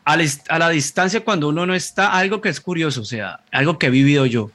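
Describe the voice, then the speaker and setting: A man's voice: a little high, fast talker, fairly bright tone. A Colombian man in his thirties, co-hosting a podcast in casual, rambling chat, swearing freely. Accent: Colombian Spanish.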